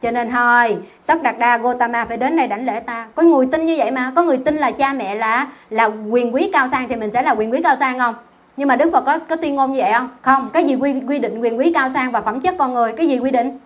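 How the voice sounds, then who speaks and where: A woman teaching a Buddhist sutra class, asking her listeners questions and answering them herself in a teasing, lively way. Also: sits high, quick pace. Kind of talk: dharma talk with questions to the class.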